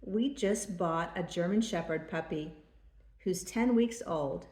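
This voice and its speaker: Older grandma lady reading a kids picture book, lowish voice, roomy echo. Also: a little mellow. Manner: grandma voice, measured storytelling delivery. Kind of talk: read-aloud children's storybook narration.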